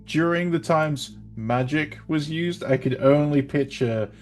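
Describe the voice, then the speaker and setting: A man's voice: a little high, measured pace, soft background music. A man tabletop player chatting casually in an easygoing, chuckly manner. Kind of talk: casual chat.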